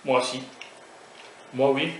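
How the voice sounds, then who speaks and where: A young man raised in France chats casually for his food vlog, speaking slowly with a steady tone in a mid-range voice. Hesitant and full of fillers and restarts, he jokes at his own expense. The distant mic, off from his voice, catches an echoey room and faint noise.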